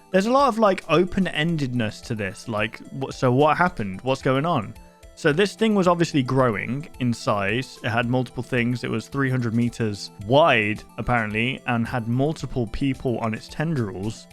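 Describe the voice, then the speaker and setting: A man with a mid-range voice hosts a video, offering casual reaction commentary. He thinks aloud in a puzzled, questioning, rambling manner.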